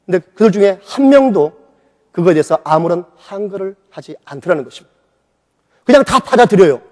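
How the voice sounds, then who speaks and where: Pastor, male, middle-aged: high, animated testimony preaching, reverberant church hall. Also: a little fast. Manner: animated storytelling, acting out his own shouts and quoted voices. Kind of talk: sermon with personal testimony. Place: church sanctuary.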